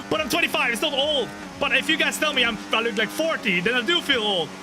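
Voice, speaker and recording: An extremely high-pitched man, around twenty-five, livestreams a racing game at a normal pace with lively intonation, chatting with viewers and commentating on the race in a joking, self-mocking way. Music plays behind him, and the game's racing car engines roar under his voice.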